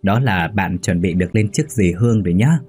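A man's voice: low voice, lively intonation, a little fast, a little mellow, husky, soft background music. A man voicing a young, hot-tempered businesswoman who is a new mother, with a raised, tearful voice. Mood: teasing. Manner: tearful, sobbing pleas.

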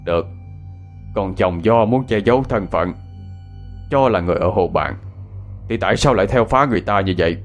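A man's voice: fairly low pitch, animated, normal speed, pauses often, faint music behind, close to an everyday voice. A man voicing a stern old male Buddhist monk who gives commands during an exorcism.

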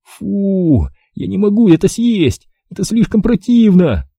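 An excitable young boy, shouting and panicking at every turn, put on by a male audiobook reader. The voice sits well above the reader's own, with a mellow, breathy grain. The recording is close and dry. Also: high-pitched, slow, no room sound, pitched above the performer's own voice, heavily acted. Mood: disgusted. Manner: shouting in alarm.

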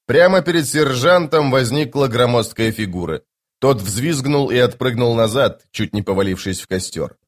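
A man's voice: medium pitch, normal speed. A man reading an epic fantasy audiobook in scripted narration.

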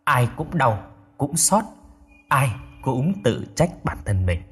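A man narrating an audiobook in a somber, expressive way. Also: mid-range voice, takes it slowly.

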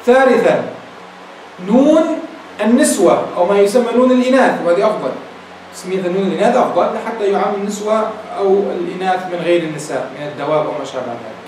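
A man with a high voice delivers a classroom grammar lecture as a sheikh. He poses rhetorical questions and repeats each example slowly. His voice is heard from a distance in a very echoey room. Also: darkish tone, slight background noise. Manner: addresses listeners as "beloved ones". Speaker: sheikh teaching Arabic grammar.

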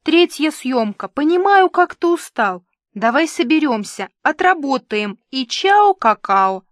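A frazzled young studio administrator, voiced by a woman narrator, alternately cajoling and snapping back. Her voice is fairly high and heard close and dry. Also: sing-song, no echo. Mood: coaxing. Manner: coaxing, cajoling, quick to snap back.

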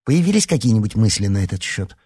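Man voicing a bossy teen girl editor, sharp commanding manner, audiobook, husky voice. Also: on the low side, sing-song, quick pace. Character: stern young female school newspaper editor.

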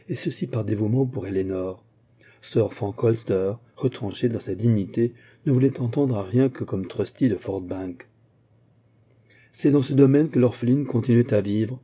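Male audiobook narrator, measured and literary, dark husky tone, low-set voice. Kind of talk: audiobook reading of a classic novel.

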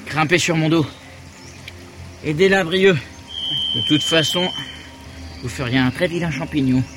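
An actor playing a determined, protective explorer captain in a radio drama, firm and commanding. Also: male voice, on the high side, unhurried, over music, lightly acted. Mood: resolute.

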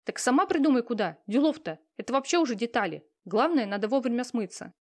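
A woman's voice: fairly high pitch, animated, quick pace, pitched above the performer's own voice. Cheeky young woman friend, matter-of-fact, a woman doing the voice in an audiobook. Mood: breezy. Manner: breezy, matter-of-fact, teasing. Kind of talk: audiobook character reading.

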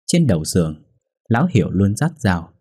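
A man narrating a dark story in a grave, measured voice. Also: sits low, very animated, slightly rough, no room sound, clean studio sound.

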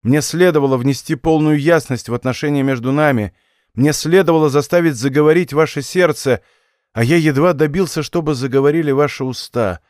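A man's voice: fairly high pitch, a little mellow, dry recording, clean studio sound, lightly acted. A man doing a heartbroken bitter young nobleman. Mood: remorseful. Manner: slow, grave, bitterly measured speech.

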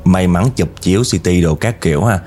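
A man with a Southern Vietnamese accent telling a ghost story in a casual, animated way, often speaking straight to the listeners. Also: low-pitched, fairly quick, faint music behind. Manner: animated, addresses listeners directly.

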